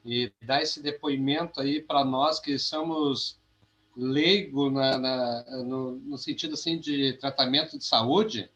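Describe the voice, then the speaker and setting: A man giving a heartfelt, halting testimony on a video call, often repeating his words. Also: medium pitch, fairly even intonation, fairly bright tone, muffled recording. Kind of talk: emotional testimony.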